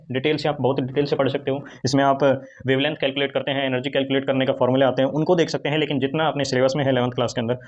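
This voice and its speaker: A man's voice: medium pitch, highs cut off. A man teaching a chemistry lesson, asking his class questions and answering them himself. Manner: repetitive call-and-response questioning; fast, chatty explaining with Hindi-English mix. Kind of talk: online classroom lecture.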